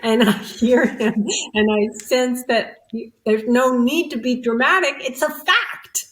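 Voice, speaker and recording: A woman telling a personal story as a podcast guest. She is animated and self-mocking, and she acts out the voices of the people she quotes. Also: fairly high pitch, unhurried, poor audio.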